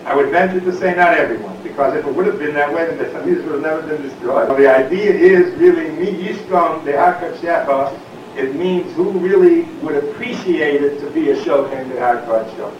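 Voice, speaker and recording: A man's voice: on the high side, brisk. A man giving a Torah lecture, explaining verses and asking rhetorical questions, often saying "we'll say" and "I mean". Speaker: Torah teacher. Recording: echoey, distant, dull and noisy.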